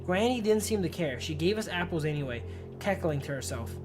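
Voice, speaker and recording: Over music, a man with a high, animated voice livestreams a game at a brisk pace, reading the story text aloud and chatting with viewers in slang. He stumbles over long words.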